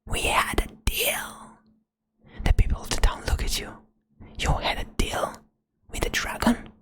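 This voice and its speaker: A female storyteller whispers softly throughout, close to the mic, in ASMR narration of a fantasy adventure. She tells it in the second person, addressing the listener directly.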